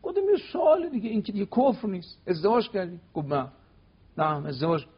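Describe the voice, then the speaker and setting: Delivering a lively religious lecture on TV, this cleric guest weaves in stories and performs the quoted exchanges emphatically, his pitch climbing. The audio is dull, and his voice carries a breathy edge.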